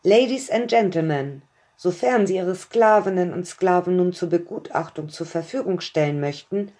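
A woman's voice: lowish voice, moderate pace, dark tone, close to an everyday voice. A woman voicing a formal male host who welcomes his guests in an announcing manner. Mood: ceremonious. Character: formal male host of a lavish evening gathering.

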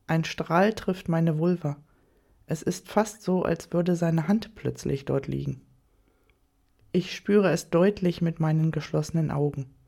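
A woman narrating an erotic audio story in the first person, reading slowly and softly. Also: deep voice, vocal fry.

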